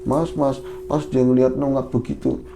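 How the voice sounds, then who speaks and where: Gravelly man telling horror. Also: medium pitch, little pitch movement, moderate pace, mellow. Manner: acts out the characters' lines in raised voices. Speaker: podcast host. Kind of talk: horror storytelling chat.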